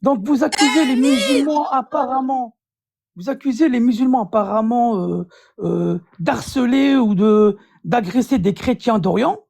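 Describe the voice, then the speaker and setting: A man's voice: very high-pitched, unhurried, vocal fry, a little mellow, dry recording. A man calling into a live debate stream, talking in a mocking, taunting, insulting way. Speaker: caller.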